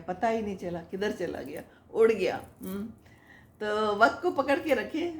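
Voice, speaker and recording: An older woman hosting a casual advice talk, answering viewer comments in a chatty, motherly, moralizing way and laughing often. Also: on the low side. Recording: echoey room.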